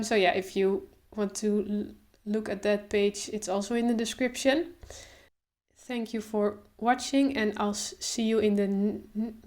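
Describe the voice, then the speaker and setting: A young woman making a video speaks casually to the camera at a medium pitch. She stutters openly, with sound repetitions and pauses, then slows down and relaxes.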